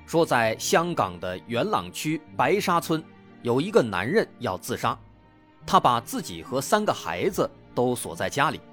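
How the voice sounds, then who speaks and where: Lively male true-crime storyteller. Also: medium pitch. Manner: lively, dramatic narration. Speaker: host.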